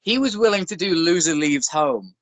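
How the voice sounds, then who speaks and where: A man's voice: a little high, lively intonation, moderate pace, fairly bright tone. A man in his thirties from Northern England with a Northern English accent, a bare knuckle boxer chatting as a guest with dry, self-deprecating humor. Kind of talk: casual interview chat.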